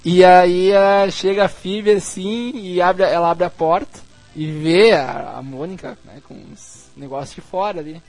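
A man hosting a podcast, retelling sitcom scenes in an animated, casual way. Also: high-pitched, unhurried, faint music behind. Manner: animated storytelling, acts out scenes. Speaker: podcast host. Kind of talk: casual chat.

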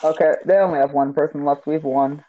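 A teenage boy hosting a gaming podcast, chatting casually and teasing his friend in a deadpan way. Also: fairly high pitch, fairly quick. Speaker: podcast host. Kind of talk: casual chat while gaming. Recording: tinny phone-like line, faint hiss.

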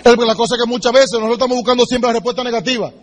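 A man's voice: very high-pitched, fairly even intonation, rapid-fire, a little hiss or hum. A man giving a motivational sales training talk, direct and emphatic, speaking straight to the listener and acting out sales conversations. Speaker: business seminar speaker.

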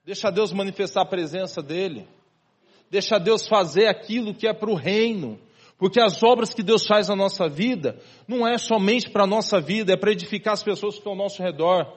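High-voiced husky male pastor preaching. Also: a little fast. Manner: conversational preaching, calls listeners "irmão". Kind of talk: sermon.

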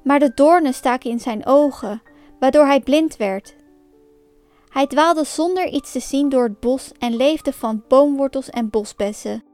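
High-voiced woman reading a fairy tale. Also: measured pace, faint music behind. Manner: calm, clear storybook reading. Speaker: storyteller.

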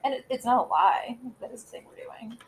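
A woman in her thirties co-hosts a podcast, rambling through casual chat full of fillers and giggles. Her voice is a little high and fairly quick. The rough recording carries slight background noise.

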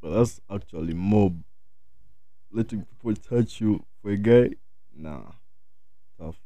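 Deep, slow, laid-back young man. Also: dark tone, dry recording. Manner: laid-back, hesitant street slang. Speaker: guest. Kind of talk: casual chat.

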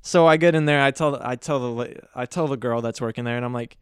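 Male podcast host, smooth clear voice, dry close sound, jokey rambling delivery with self-corrections. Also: medium pitch, quick pace, no room sound. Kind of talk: casual solo podcast storytelling.

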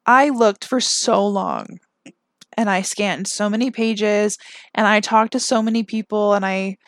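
A woman's voice: mid-range voice, a little slow, no echo. Young woman podcast host, chatty and self-deprecating, mid-range voice, dry recording. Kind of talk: personal storytelling. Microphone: camera mic.

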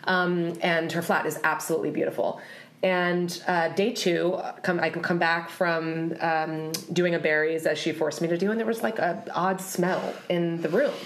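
A woman's voice: fairly low pitch, fairly even intonation, normal speed. A woman in her late twenties, telling stories as an interview guest and laughing through them. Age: late 20s. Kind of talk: casual storytelling. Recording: roomy echo.

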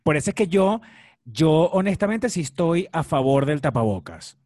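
Young Venezuelan man co-host, teasing banter, fairly high voice, dry close sound. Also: sing-song, normal speed, darkish tone, dry recording. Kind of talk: casual chat.

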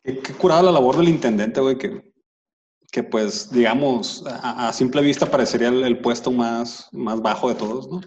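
A man with a Mexican accent hosting a casual podcast chat, tossing in quick joking asides with crude slang over a remote call. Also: medium pitch, darkish tone. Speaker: podcast host. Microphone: remote call audio. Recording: lo-fi remote call, faint noise.

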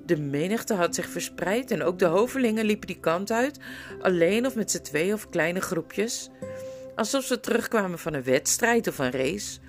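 Expressive woman reading a storybook. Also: fairly low pitch, normal speed, soft background music. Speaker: narrator. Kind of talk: storybook audiobook narration.

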